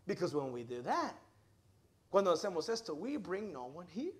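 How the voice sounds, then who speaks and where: A man with a very high voice preaches a sermon in a church service. He switches between English and Spanish line by line and calls his listener "hermano". His delivery is energetic, rising loud on key words and dropping to quiet asides. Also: moderate pace. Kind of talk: bilingual sermon, preaching and translating himself.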